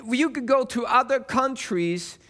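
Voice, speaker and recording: A man's voice: very high voice, a little slow, fairly bright tone. A male pastor preaching a sermon with fervent, emphatic delivery.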